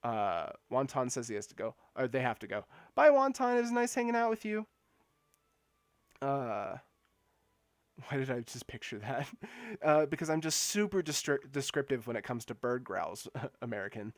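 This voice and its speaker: With a medium-pitched voice at a moderate pace, a man streams a game live and keeps up casual chat with his viewers. He giggles a lot and stammers and repeats words, and the sound is clean studio quality without echo.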